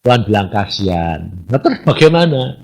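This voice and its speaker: A man's voice: medium pitch, a little slow. A man preaching a casual sermon, teasing his listeners and acting out conversations. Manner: lively, chatty, teasing, acts out dialogues.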